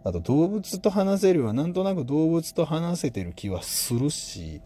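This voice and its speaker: A man's voice: a little high, very animated, unhurried, mellow. A man with a Kansai accent who hosts a casual solo talk podcast and muses aloud in a rambling, playful way. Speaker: podcast host.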